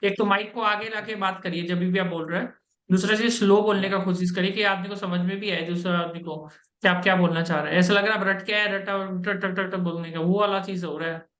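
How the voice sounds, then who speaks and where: A man's voice: high-pitched, fairly even intonation, quick pace, fairly bright tone, reverberant. A man with an Indian accent giving blunt mock interview feedback over a video call, mixing Hindi and English. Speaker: interview coach.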